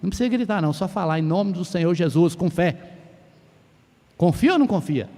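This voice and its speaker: A man from Brazil, preaching a sermon as pastor, asking rhetorical questions and rising to loud shouted exclamations. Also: high-pitched, expressive, fairly quick. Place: church sanctuary. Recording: long church hall reverb.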